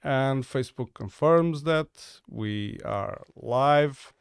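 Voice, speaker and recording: A man's voice: medium pitch, slow pace, creaky, clear, resonant tone, no room sound. Hesitant man hosting a podcast. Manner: hesitant, many uh fillers and restarts. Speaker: podcast host. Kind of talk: casual interview talk.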